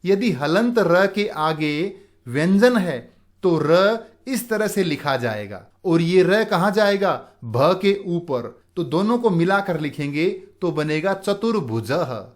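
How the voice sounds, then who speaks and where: A man's voice: high voice, animated, takes it slowly. A male teacher giving a grammar lesson, asking questions and answering them himself.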